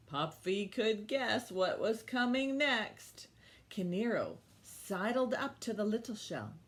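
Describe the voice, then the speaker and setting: Her mid-range voice is very animated but slow-paced as she hosts storytime for little kids. Through simple questions and short phrases she talks with them, and she reads a picture book aloud expressively.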